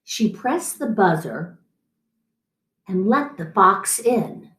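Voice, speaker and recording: A middle-aged woman hosting children's story time reads a picture book aloud slowly and expressively in a mid-range voice. Animated throughout, she chats to an unseen guest between lines, and the recording has a roomy echo.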